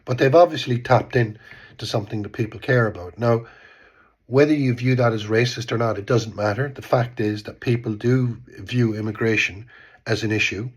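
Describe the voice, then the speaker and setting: This vlogger, an Irishman in his fifties, is congested from a cold as he chats about politics from home in Bristol in a rambling, casual way. His mid-range voice is slightly rough and moves at a moderate pace. He repeats words and often trails off with "type thing."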